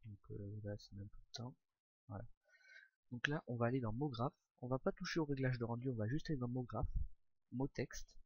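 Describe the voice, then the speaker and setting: A young man walks through a software tutorial in a loose, informal way, pausing often with fillers as he searches for the next step. His voice sits at an ordinary middle pitch. The recording is dry and close, with no room sound. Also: husky, no echo, muffled recording. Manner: hesitant, many "euh" fillers, relaxed and informal. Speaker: tutorial maker.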